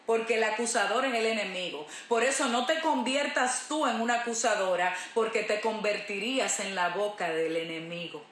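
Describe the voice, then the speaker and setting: A woman's voice: medium pitch, normal speed, hardly any pauses, a bit bright. A woman pastor preaching a sermon in an emphatic way, repeating her key phrases. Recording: roomy echo.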